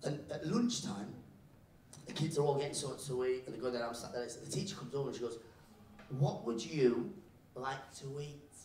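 Animated male stand-up comic in a roomy venue. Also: fast. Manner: animated storytelling, acting out characters. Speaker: stand-up comedian. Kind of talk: live stand-up comedy. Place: live comedy venue with audience. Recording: roomy venue, mic picked up from a distance, faint rumble.

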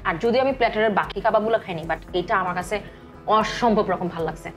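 This food vlogger speaks at medium pitch and talks fast, with faint music in the background. She has a Bangladeshi Bengali accent and gives a casual, chatty review to camera in a restaurant, mixing English words into her speech.

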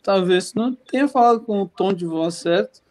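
A man with a high voice chats casually on a podcast. He rambles and circles back through many fillers and restarts. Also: a little fast, a little mellow. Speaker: podcast co-host. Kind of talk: casual chat.

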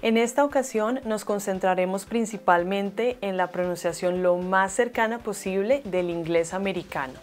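Woman teacher, says english words slow and careful, light music behind. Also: mid-range voice. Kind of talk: scripted pronunciation lesson.

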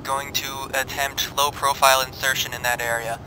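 A man's voice: medium pitch, level tone, normal speed. A man calling in as ground forces in a military game, speaking in clipped, formal radio procedure with hesitations, his voice carried over game radio with bursts of static.

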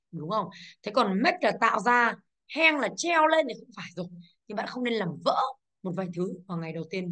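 This English teacher's voice is a little high and fairly bright. She walks the class through exercises, explaining answers step by step, saying English words with a Vietnamese accent and asking "đúng không ạ" to confirm they follow.

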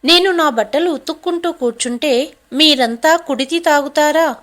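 A woman voicing an angry, bossy young wife who scolds and shouts in a storybook drama. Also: sits high, moderate pace, pitched above the performer's own voice. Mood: angry scolding.

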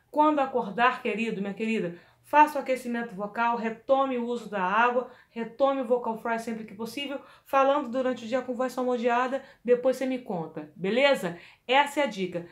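A woman teaching a singing lesson, coaching her viewers with lively energy and stopping to demonstrate exercises. Her voice sits a little high, and the room gives it a clear echo. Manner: lively, coaching, demonstrates vocal fry sounds. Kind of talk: vocal lesson to camera. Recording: echoey room.

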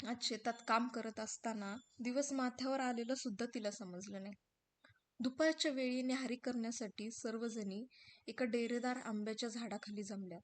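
Woman narrating a story, soft and measured. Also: fairly high pitch.

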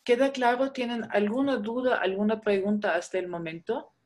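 A woman's voice: a little high, steady tone, moderate pace. A woman teaching a class, explaining step by step, patient, with many fillers. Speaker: German teacher. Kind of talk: online class lecture.

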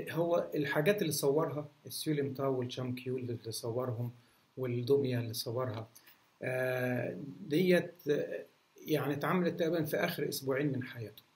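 A man with an Egyptian Arabic accent, a martial arts instructor answering viewer questions in a casual talk, full of fillers and restarts. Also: mid-range voice. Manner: hesitant, many restarts and fillers. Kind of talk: casual Q&A monologue.

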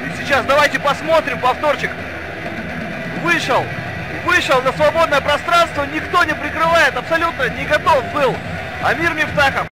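An excited male hockey commentator pitched extremely high. He is exclamatory and often shouts. Rink noise is clearly audible behind him. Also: normal speed, a crowd in the background. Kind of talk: excited live sports commentary. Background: ice arena ambience.

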